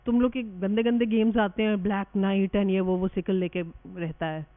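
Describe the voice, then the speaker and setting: A woman's voice: mid-range voice, fairly even intonation, moderate pace. A woman in her fifties lectures medical students with an Indian English accent, drifting into teasing asides and mixing Hindi with English. Her voice comes through a narrow, tinny, phone-like recording. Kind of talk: classroom lecture.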